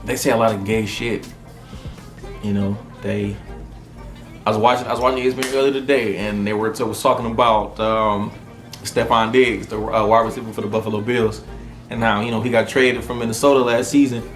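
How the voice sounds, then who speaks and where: A man, hosting a podcast and telling stories in a casual, comedic monologue. He is animated and profane. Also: on the low side, fairly quick. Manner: animated, profane storytelling with frequent laughter. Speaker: podcast host. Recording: roomy echo with faint music.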